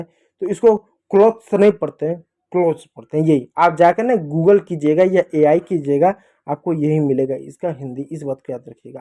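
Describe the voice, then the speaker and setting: A man's voice: fairly high pitch, warm tone. A man with an Indian accent teaching English pronunciation, emphatically repeating each word again and again. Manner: emphatic, repeats words over and over. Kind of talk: classroom lesson explaining pronunciation.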